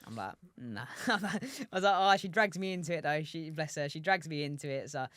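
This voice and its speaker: In a dry recording, a young English pro boxer in his twenties talks as a podcast guest in a slightly high, fairly bright voice at a fairly quick clip. His casual chat is rambling, full of restarts, asides and "do you know what I mean."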